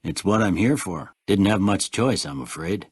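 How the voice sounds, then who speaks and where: A man voicing a kindly older frontier town doctor in a video game, with an American Southern accent, a husky weathered voice and a folksy, gently wry manner. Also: low voice, lively intonation, normal speed, dry recording. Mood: gentle, helpful. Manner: folksy drawl, plain-spoken, gently wry. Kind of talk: scripted game dialogue, folksy and conversational.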